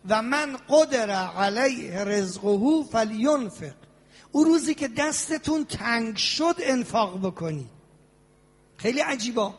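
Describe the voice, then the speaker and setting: A man preaching a sermon as a cleric, animated, with drawn-out invocations and sing-song passages. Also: very high-pitched. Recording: long hall reverb.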